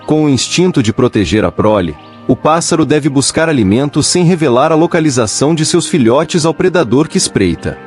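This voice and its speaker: A man's voice: on the high side, expressive, a little fast, few pauses, a little mellow. A man reading scripted narration for a nature documentary. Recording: music behind the voice. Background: background music.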